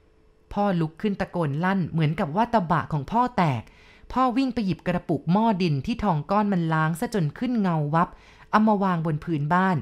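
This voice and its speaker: A woman narrating a first-person ghost story in a steady, dramatic storytelling manner. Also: medium pitch, fairly quick, highs cut off.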